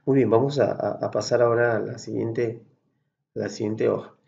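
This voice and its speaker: A man from Peru with a Peruvian accent, patiently explaining a software tutorial step by step and checking in with his students. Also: medium pitch, fairly even intonation, normal speed, gravelly, dull audio. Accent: Peruvian Spanish. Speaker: Excel course instructor. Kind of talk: screen-recorded software tutorial.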